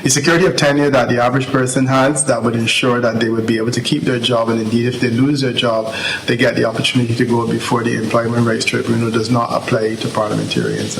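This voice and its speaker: A man giving a video presentation, laying out his policy points in a measured, orderly way. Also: medium pitch, little pitch movement, gravelly, reverberant, a little hiss or hum, rough recording. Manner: measured, structured by numbered points. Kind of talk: prepared policy remarks.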